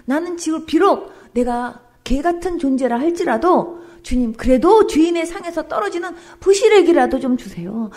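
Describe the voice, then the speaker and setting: A woman's voice: sits high, animated, moderate pace, hardly any pauses, a little mellow. A woman preacher voicing a desperate mother begging for her daughter's healing, with pleading, indignant outbursts. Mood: humbly pleading.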